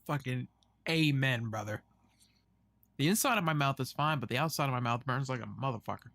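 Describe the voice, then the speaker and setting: A man's voice: medium pitch, animated, a little fast, creaky, a bit bright, slight background noise. A man in a video giving wry, profane commentary on memes. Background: music.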